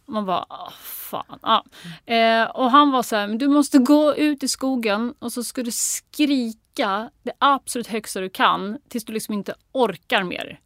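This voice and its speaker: A woman's voice: on the high side, no echo, studio quality. A woman, a podcast guest chatting casually and acting out quoted dialogue as she tells stories. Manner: lively storytelling, acts out quoted dialogue.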